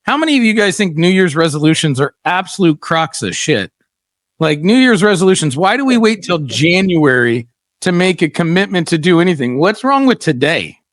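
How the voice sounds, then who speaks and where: A middle-aged man hosts a casual livestream chat, blunt and animated, telling stories with plenty of "um" and "like." His voice sits a little high for a man. The sound is dry and close, with almost no room around it. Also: moderate pace, no echo. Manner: blunt, animated storytelling with frequent fillers. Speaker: podcast host.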